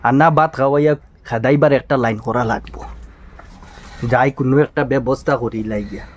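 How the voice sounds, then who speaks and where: A man's voice: medium pitch, normal speed, slight background noise, close to an everyday voice. An actor with a Sylheti accent playing an exasperated older father-in-law who grumbles and schemes in asides. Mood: scheming. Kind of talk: regional comedy drama acting.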